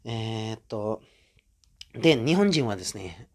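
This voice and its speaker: A man's voice: on the low side, animated, measured pace. Hesitant man chatting, full of fillers. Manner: hesitant, many fillers and self-corrections; laughs often at himself. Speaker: host of a talk series about Japanese. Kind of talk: casual solo monologue.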